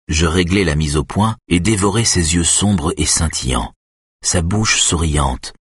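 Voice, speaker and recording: A man narrating a literary novel in the first person, with a calm, measured reading. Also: a bass voice, husky, no echo, studio quality. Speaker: audiobook narrator.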